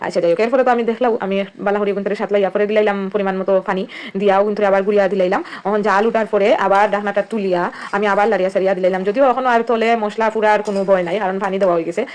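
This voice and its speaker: A cooking vlogger from Sylhet, Bangladesh, talks through a home recipe step by step, chatting casually in a Sylheti accent. Her mid-range voice is steady and a little mellow, and she speaks rapid-fire, explaining each step as she cooks.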